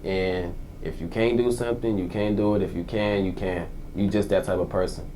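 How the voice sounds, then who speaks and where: Twenties male interview guest, casual and slangy, low-pitched voice. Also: fairly even intonation, normal speed, mellow, a little hiss or hum. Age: 20s. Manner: casual, slangy, repeats phrases. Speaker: guest, formerly incarcerated entrepreneur.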